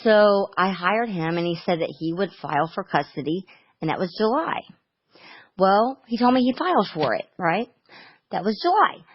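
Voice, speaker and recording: A woman's voice: mid-range voice, lively intonation, normal speed, slightly rough, dull audio. A middle-aged woman talking casually on the phone about her sons, rambling with many restarts and stammers. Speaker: mother on a phone call.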